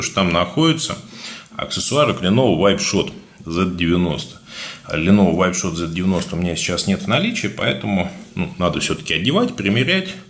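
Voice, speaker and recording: A man with a speech impediment on his r's, giving a casual, halting product review as a video blogger. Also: low voice, a little hiss or hum. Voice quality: burred, defective r sound. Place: indoors, at a table, hands-only shot.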